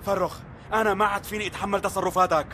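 A man's voice: high-pitched, fairly even intonation, rapid-fire, pushed and bright, a little hiss or hum. A man playing an anxious, exasperated divorced Syrian father in a drama, insistent and repeating himself. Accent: Syrian Arabic.

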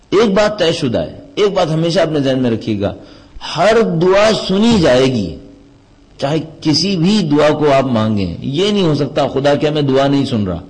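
A man preaching a religious sermon. He poses questions to his listeners and tells stories, rising to high emphatic lines and then dropping low and soft. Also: poor audio. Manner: storytelling with questions to the audience.

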